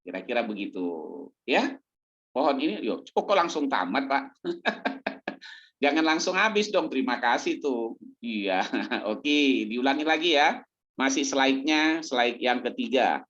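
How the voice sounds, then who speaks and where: Man, pastor, sermon, conversational and humorous, questions and answers himself, lively pitch, dull lo-fi recording. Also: measured pace, long pauses.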